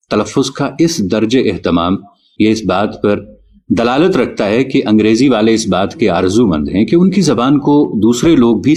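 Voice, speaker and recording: A man teaching a spoken lesson on correct pronunciation, explaining carefully and spelling out sounds slowly. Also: mid-range voice, darkish tone. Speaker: Urdu teacher.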